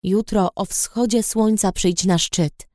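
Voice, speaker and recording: A woman's voice: medium pitch, steady tone, slow pace, darkish tone, no room sound, studio quality, natural voice. Woman voicing a stern, terse male mentor. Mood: calm. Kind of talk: audiobook character voice.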